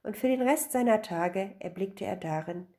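A woman narrating a fairy tale in an expressive reading voice. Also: medium pitch, moderate pace. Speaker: storyteller. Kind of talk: scripted storybook narration.

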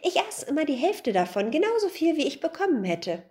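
A woman's voice: high voice, big pitch swings, a little fast, darkish tone, pitched above the performer's own voice. A woman voicing a greedy, hungry young boy who eagerly talks himself into things in a storybook tale. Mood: pleading. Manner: eager, self-justifying.

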